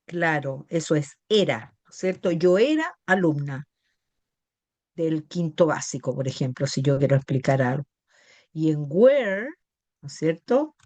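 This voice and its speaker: Middle-aged Chilean woman, English teacher; unhurried, patient explainer, lowish voice. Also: lively intonation, darkish tone, no echo. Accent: Chilean Spanish. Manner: patient, checks understanding with tag questions. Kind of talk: classroom lesson explaining grammar.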